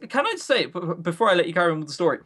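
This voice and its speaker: A British podcast co-host with a high, fairly bright voice talks very fast and very animatedly. He chats casually about visual novels he has played, rambling, opinionated and self-mocking.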